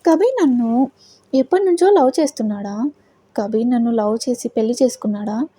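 A woman's voice: a little high, brisk, dark tone, breathy edge. A woman voicing a young bride who confronts her husband, pleading and defiant. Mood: wondering.

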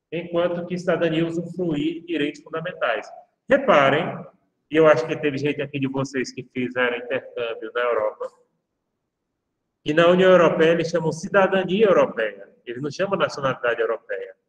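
A man with a Brazilian Portuguese accent, a law professor giving a university lecture and speaking straight to his students in a chatty way. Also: a little high. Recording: reverberant room, voice far from the mic.

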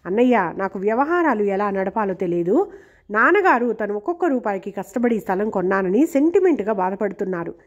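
A woman reading the part of a confident, relaxed young man. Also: mid-range voice, brisk, dull audio. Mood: easygoing.

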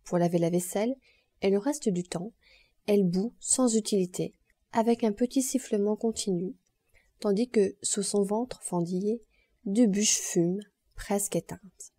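A woman narrating an audiobook in a calm, measured reading voice. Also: mid-range voice, no room sound, clean studio sound. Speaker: audiobook reader.

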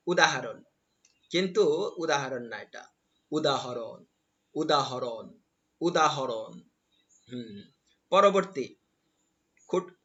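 A man lecturing on correct pronunciation, saying each word several times over slowly so students can repeat after him. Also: high-pitched, bright, forceful tone, lo-fi sound. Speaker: Bengali lecturer. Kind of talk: classroom lecture.

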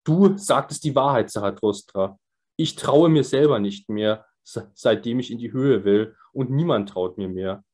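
A man voicing a troubled young man who speaks in a pleading, halting way with small stumbles. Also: medium pitch, a little mellow, close to an everyday voice. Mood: despairing.

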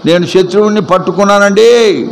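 A man acting out a young soldier who calls out excitedly to his captain, in a quick, slightly raised voice. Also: high-pitched, a little hiss or hum, rough recording.

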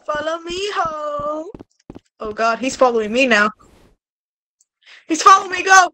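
High, bright young woman yelping while gaming. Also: expressive, a little slow, no echo, poor audio. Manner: yelps, swears and laughs while playing. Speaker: co-player. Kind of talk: live-stream gaming chat.

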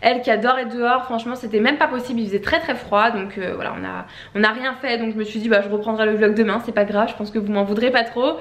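A woman's voice: on the high side, fairly even intonation, fast, few pauses, a bit bright. A young woman vlogging casually at home, chatty and rambling with many fillers. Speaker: beauty vlogger. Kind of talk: casual vlog chat. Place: at home, indoors. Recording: echoey room.

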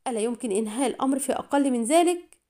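Brief: woman voicing an eager loyal young heroine, high warm tone, storybook thriller. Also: animated, very fast. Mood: fervent. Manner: eager, fervent.

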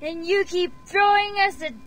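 A performer voicing a bitter, tipsy mercenary leader in a fantasy game. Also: female voice, extremely high pitch, fairly even intonation, moderate pace, a bit bright. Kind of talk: game voice acting.

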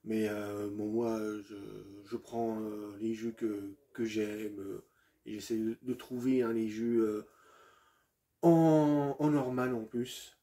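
A man's voice: fairly low pitch, fairly even intonation, slow pace, warm tone. A man presenting his video game collection in a casual, hesitant way, with many fillers and restarts, addressing viewers as friends.

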